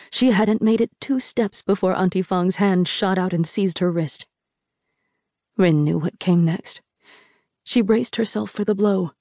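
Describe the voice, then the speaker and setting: A woman narrates a novel at an unhurried, measured pace, in a low, mellow voice with a soft, breathy texture. The reading is steady and deliberate. The recording is dry and close. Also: no echo. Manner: slow, measured, even reading. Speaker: audiobook narrator. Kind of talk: scripted narration.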